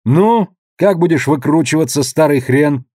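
A man's voice: a little high, expressive, normal speed, warm tone, slightly rough, dry recording, clean studio sound, voice pushed up. A man voicing a cruel young male soldier who barks insults at his prisoner. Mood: snarling. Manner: snarling, barking insults.

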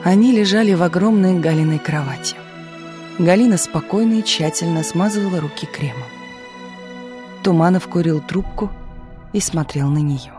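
An audiobook narrator reading a novel in an even, measured storytelling manner. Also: mid-range voice, over music. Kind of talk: scripted narration.

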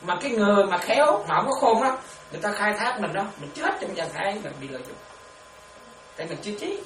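Talking fast in a mid-range voice, a woman who is a Buddhist nun delivers a lively dharma talk on meditation, frequently laughing and repeatedly checking that her audience understands. It was captured on a distant mic in an echoey, noisy room.

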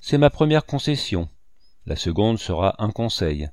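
A grave old ship's doctor, earnest and gently reproachful, as a male reader voices him. The tone sits fairly low and the sound is close and dry, with no room around it. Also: sing-song, normal speed, dry recording. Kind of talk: audiobook dialogue reading.

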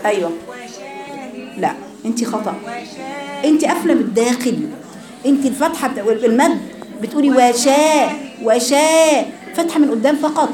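A woman with an Egyptian accent teaching Quran recitation, correcting students and repeating sounds slowly for them. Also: a little high, lively intonation, reverberant, a crowd in the background. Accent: Egyptian Arabic. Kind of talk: tajweed class instruction.

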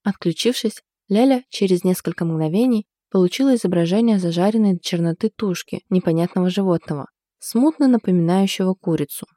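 Woman narrator with a dark, mellow voice. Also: lowish voice, fairly quick, no room sound, studio quality. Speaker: audiobook narrator. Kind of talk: scripted narration.

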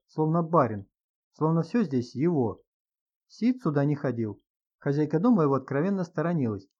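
A man's voice: medium pitch, a little mellow. Male audiobook narrator, dull lo-fi sound. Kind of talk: scripted narration.

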